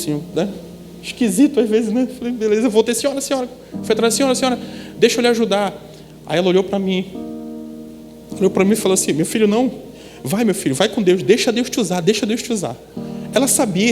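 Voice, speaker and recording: A man's voice: high-pitched, big-room sound. A man preaching a testimony sermon, telling a story and asking the congregation frequent rhetorical questions. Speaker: pastor. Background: background instrumental music.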